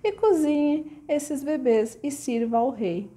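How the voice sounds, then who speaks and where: Woman voicing a hushed, scheming jealous queen. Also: high voice, slow. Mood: cold, scheming. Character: cruel jealous adult queen, cold and scheming.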